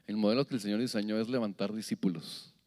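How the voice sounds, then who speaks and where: A man preaching a sermon as pastor, animated, asking the congregation questions and acting out little scenes. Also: on the low side, fast talker. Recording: long hall reverb.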